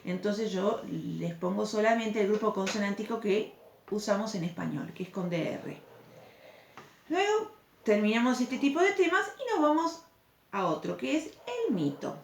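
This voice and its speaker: A woman's voice: mid-range voice, big pitch swings, normal speed, creaky. A woman teacher, patiently explaining a recorded lesson and checking in with the class through questions. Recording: echoey room, faint background noise.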